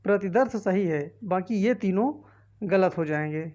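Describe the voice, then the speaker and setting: This exam-prep teacher, a woman with a north Indian Hindi accent, reads multiple-choice options one by one and explains each during a quiz walkthrough. She sounds expressive and warm at a medium pitch and moderate pace, though the recording is muffled.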